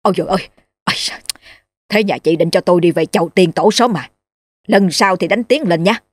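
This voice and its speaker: A woman's voice: lowish voice, brisk, dry recording, natural voice. A woman voicing a bossy old male village sorcerer who barks orders and scolds. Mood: gruff commanding.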